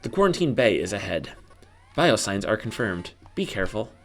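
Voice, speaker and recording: A man's voice: fairly low pitch, very animated, normal speed, a bit bright, full character voice. A man voicing a blunt, commanding computer officer in a video game, with silly, hammy amateur voice acting. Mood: stern, commanding. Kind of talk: amateur game dialogue read-aloud.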